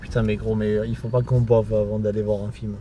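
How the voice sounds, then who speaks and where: A man's voice: lowish voice, flat delivery, fairly quick, warm tone, dull audio, faint music behind. A man talking casually and drunkenly, rambling through a film recap in repetitive, sweary slang and losing his thread. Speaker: video host.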